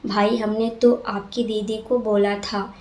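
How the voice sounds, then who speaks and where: A woman's voice: mid-range voice, level tone, slow pace, a little mellow, lightly acted. Brief: jokey brother-in-law, playful teasing, echoey, read by a woman. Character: joking, teasing brother-in-law, adult man. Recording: roomy echo.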